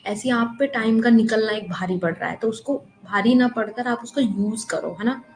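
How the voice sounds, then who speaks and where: A woman's voice: a little high, normal speed, faint music behind. A woman teaching a live online economics class, chatty and encouraging, often checking that students follow. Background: faint noise from a nearby wedding hall.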